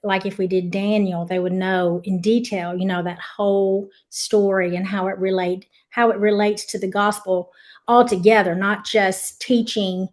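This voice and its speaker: A former camp leader from Tennessee reminisces as a podcast guest, earnest and rambling, with frequent ums and restarts. Her voice is medium-pitched and level, at normal speed.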